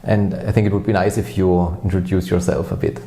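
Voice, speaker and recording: A man's voice: low-pitched, level tone, a little fast, dark tone. A man hosting a podcast interview, asking polite, encouraging questions. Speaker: podcast host. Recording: roomy echo.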